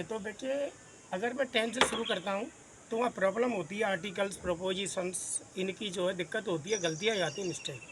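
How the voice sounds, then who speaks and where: A man's voice: sits high, fairly bright tone, slight background noise. Guy from agra teaching grammar basics, patient, lists tons of examples, calls students son. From Agra, India. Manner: says he talks fast. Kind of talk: classroom grammar lesson.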